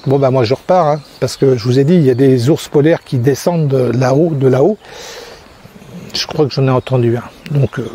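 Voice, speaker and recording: Walking outdoors in a park, a Frenchman in his 60s who trains people in crêpe-making chats into a selfie-framed phone at arm's length. His warm, mid-range voice runs a little fast, full of fillers and restarts, with a faint hiss or hum in this casual vlog.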